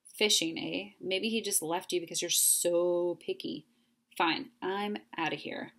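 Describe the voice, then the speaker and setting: A woman's voice: on the low side, fairly even intonation, a little slow, a bit bright. Woman as scruffy slobbering male monster; slurpy, whiny.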